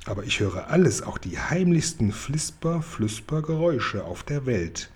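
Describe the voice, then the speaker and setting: A man voicing a big, good-natured old giant from a storybook, proud and whimsical, fond of silly made-up words. The voice is husky and mellow, sometimes slowing down to sound mysterious. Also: medium pitch, very animated.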